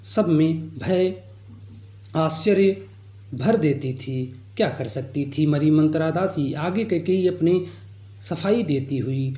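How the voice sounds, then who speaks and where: A male teacher goes through a poem line by line, reciting each verse and then paraphrasing it plainly. His voice is mellow and sits a little high. The room around him echoes. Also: takes it slowly. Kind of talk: explaining a Hindi poem line by line.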